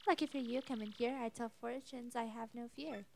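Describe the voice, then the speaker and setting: A woman's voice: a little high, fairly even intonation, brisk, vocal fry, dark tone, a little hiss or hum. A woman voicing a cheerful female video game fortune teller with sing-song rhyming patter. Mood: welcoming, mystical. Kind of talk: reading game dialogue aloud in character.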